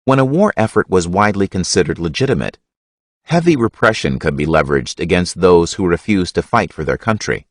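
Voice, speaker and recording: A man reading a history audiobook in a measured, expressive narration. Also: deep voice, dry recording, studio quality.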